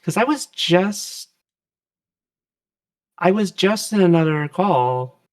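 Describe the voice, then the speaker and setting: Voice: mid-range voice, animated, takes it slowly. A streamer's guest on a voice call, chatting casually, their voice coming through robotic and metallic from doubled call audio. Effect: robotic, metallic-sounding voice from a glitchy call audio doubling. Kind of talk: casual chat.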